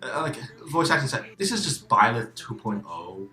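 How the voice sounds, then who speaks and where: A man's voice: mid-range voice, sing-song, normal speed, sharp tone, roomy sound. A man who is a guest in a casual game discussion, repeating words as he restarts and swearing emphatically.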